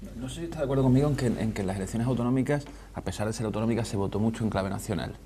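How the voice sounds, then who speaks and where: A man's voice: lowish voice, very fast, warm tone, slight background noise. A man asking political questions as a journalist on a television interview panel.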